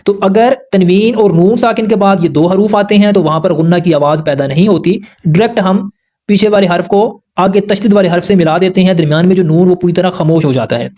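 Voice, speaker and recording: A man with a fairly high voice, teaching a lesson on recitation rules. He explains carefully and patiently, going over each rule again in plain words so beginners can keep up. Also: dark tone. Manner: patient, explanatory, repeats rules slowly and simply.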